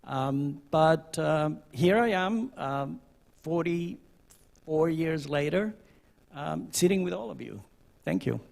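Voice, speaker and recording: A man on a panel speaking earnestly, with many pauses. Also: a little high, animated, gravelly, darkish tone. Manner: slow and earnest, with frequent pauses. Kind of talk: reflective panel talk.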